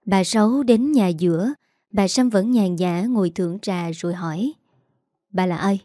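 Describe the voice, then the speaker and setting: A woman narrating a story in a gentle, measured way. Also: medium pitch, no echo, studio quality. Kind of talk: storytelling narration with character voices.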